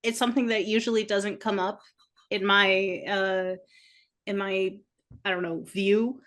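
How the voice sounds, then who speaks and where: A woman's voice: medium pitch, flat delivery, a little slow, fairly bright tone. A woman guest on a podcast talking casually, hesitating often and laughing easily. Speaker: guest, freelance artist. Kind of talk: casual conversational interview.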